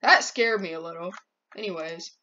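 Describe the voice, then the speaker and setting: Woman gamer, unhurried pace, flustered and jumpy, dull lo-fi mic. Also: medium pitch, a bit bright. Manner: jumpy, easily flustered, exclaims often. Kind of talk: game commentary.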